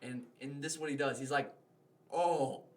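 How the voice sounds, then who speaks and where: A young man telling a long story on a podcast in an animated, rambling way, stacking filler words as he goes. His pitch sits in a middling range. A faint hiss sits under his voice. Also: fast talker. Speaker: podcast guest. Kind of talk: casual storytelling.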